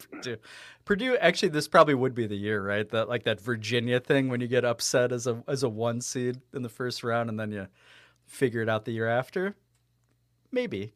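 Sports pod co-host, man, medium pitch, laughs a lot, casual banter, dry close sound. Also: animated, moderate pace, dry recording. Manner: chatty, laughs easily. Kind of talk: casual sports betting chat.

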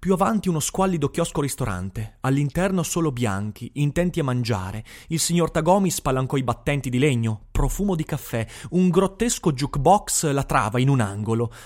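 A man giving a measured, expressive reading of a novel as audiobook narration. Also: medium pitch.

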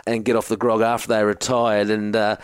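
A man's voice: fairly low pitch, completely flat delivery, fairly quick, clean tone, no echo. An Australian man in his forties, a co-host telling jokey stories in casual chat and calling people mate. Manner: jokey yarn-spinner, says mate often. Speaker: co-host, former rugby forward.

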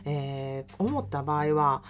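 A woman with a Kansai Japanese accent hosting a solo self-care podcast, talking softly and reflectively with many fillers. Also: low voice, expressive, slow pace. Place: California.

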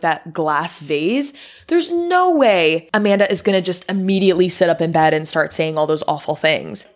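A woman co-hosting a podcast, recapping a film's plot briskly with dry asides. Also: on the low side, a bit bright. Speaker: podcast co-host. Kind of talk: casual film recap.

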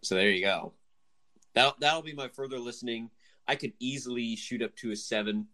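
A man's voice: mid-range voice, moderate pace, bright, forceful tone. A young man co-hosting a podcast, chatting casually and enthusiastically, rambling and joking at his own expense. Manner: rambling, enthusiastic, self-deprecating with laughs. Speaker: podcast co-host.

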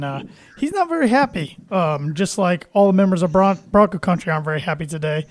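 Guy hosting a sports podcast, kinda high voice, chatty, dead dry sound. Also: dry recording. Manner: chatty, friendly, with frequent fillers. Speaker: podcast host. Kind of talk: casual sports podcast chat.

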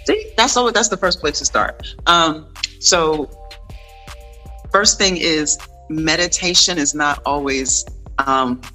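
A man's voice: a little high, takes it slowly, bright, forceful tone, soft background music, low-quality recording. A man explaining things conversationally, like a wellness coach, in an encouraging, informal way with short emphatic phrases. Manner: encouraging, reassuring. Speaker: meditation and wellness guest.

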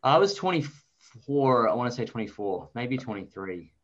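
Lo-fi audio carries this fairly bright, medium-pitched male voice with wide pitch swings at a normal speed. He's an Australian investor and author in his thirties, guesting on an interview and telling casual, chatty anecdotes.

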